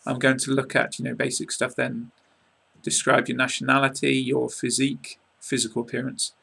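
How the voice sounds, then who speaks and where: A young Englishman in his twenties gives an online lesson to a webcam at close range in a small room. His English-accented delivery is clear and measured with casual asides, in a mid-range voice that moves little in pitch and sounds pushed and bright.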